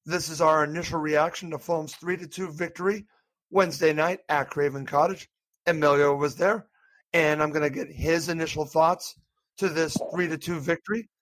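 A man's voice: on the high side, steady tone, normal speed, a bit bright, low-quality recording. A man reading a scripted advert as an announcer.

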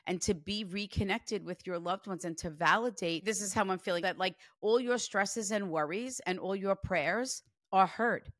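A woman's voice: medium pitch, normal speed, few pauses, no echo, studio quality. A woman in her forties working as a psychic medium, talking chattily with lots of "like" through a reading. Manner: chatty, animated, peppered with "like". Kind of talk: spirit reading session.

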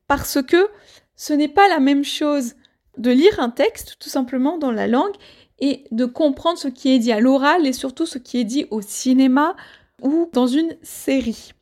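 A woman's voice: high-pitched, a little slow, a little mellow. A woman teaching French to learners, explaining patiently step by step and repeating her key points. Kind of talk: language lesson. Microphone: audio only, speaker not seen.

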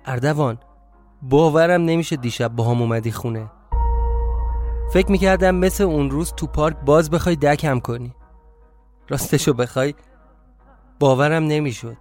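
A man voicing a kind, affectionate young woman in an audio drama, speaking in a gentle, coaxing and teasing way. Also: a little high, close to an everyday voice. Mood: fond, teasing.

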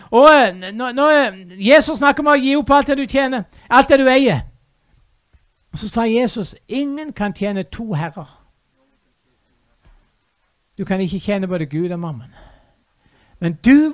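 A man preaches an urgent revival sermon in a strikingly high voice. He sinks to low, quiet stretches and then surges into loud calls. The sound is dry and close, with no room echo. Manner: fervent, swinging from hushed to loud and urgent.

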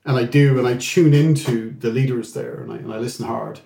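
Speaking as an interview guest, this executive is a middle-aged man with an Irish accent who comes from England. His creaky, mellow mid-range voice stays fairly even in intonation as he recounts his career, stumbling through many restarts and fillers in a roomy-sounding space.

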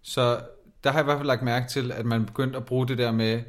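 A man's voice: mid-range voice, little pitch movement. A man in casual podcast chat, co-hosting in a playful, teasing way. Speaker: podcast co-host.

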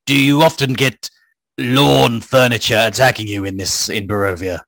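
A man's voice: medium pitch, fairly even intonation, normal speed, a bit bright. Playful man playing a tabletop game. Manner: playful, jokey, bursts into character voices. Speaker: player.

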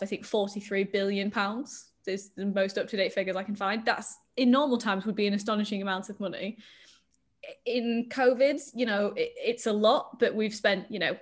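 Brief: female panel guest, mid voice, thinks aloud with repeated starts. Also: medium pitch. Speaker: podcast guest. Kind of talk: panel discussion.

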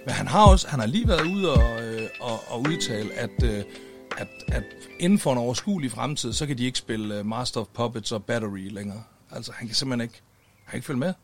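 A man's voice: medium pitch, expressive, soft background music. A man in his forties co-hosting a casual podcast, blunt and swearing freely as he tells anecdotes. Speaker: podcast co-host.

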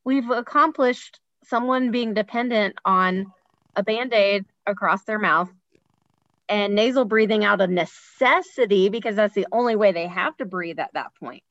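A woman's voice: medium pitch, normal speed, fairly bright tone, dry recording. Woman host, emphatic, rhetorical, dull dry recording. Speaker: podcast host. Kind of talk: casual conversation.

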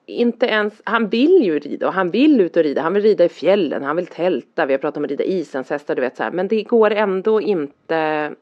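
A middle-aged woman, a parent, rambles through a story in casual chat, animatedly acting out what people said. Her voice is on the low side with hardly any pauses, and the recording sounds dull and lo-fi.

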